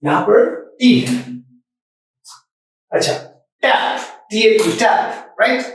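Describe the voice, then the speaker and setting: A man teaching English grammar as a lesson, repeating example words slowly and spelling them out letter by letter. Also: high voice, animated, very echoey, distant mic, a little hiss or hum, rough recording. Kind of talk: classroom-style lesson explaining rules.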